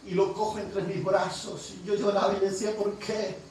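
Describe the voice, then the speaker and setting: A woman pastor preaching a fervent sermon, building to loud, emphatic peaks. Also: medium pitch, flat delivery, a little fast, very echoey, far from the mic, slight background noise, rough recording.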